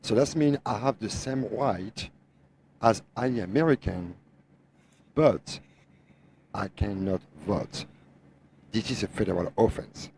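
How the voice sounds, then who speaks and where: A middle-aged French man with a low, mellow voice and a French accent tinged with Tennessee. He talks emphatically in non-native English, repeating phrases as he argues his point, with some background noise. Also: lively intonation, slow pace, vocal fry, long pauses. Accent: French mixed with Tennessee. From France. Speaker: guest truck driver, owner operator. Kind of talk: opinionated podcast talk.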